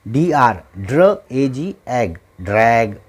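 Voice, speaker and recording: Slow, patient male phonics teacher. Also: medium pitch, very animated. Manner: slow, patient, repeats each word several times. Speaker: English teacher. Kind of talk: phonics lesson, spelling out and sounding words.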